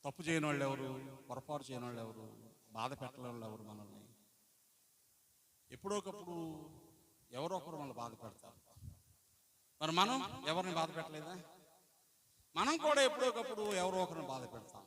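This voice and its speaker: A male pastor preaching a Sunday sermon. He poses questions to the congregation and answers them, moving between loud, emphatic lines and quiet asides. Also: fairly high pitch, expressive, normal speed, long pauses. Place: church service. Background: congregation sounds.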